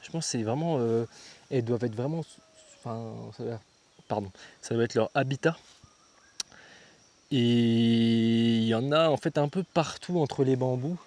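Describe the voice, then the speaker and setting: A young man vlogs his travels into a handheld camera, his mid-range, slightly mellow voice moving a little slowly with frequent pauses. He's loose and slangy, calls his viewers "guys," and thinks out loud with plenty of fillers and restarts.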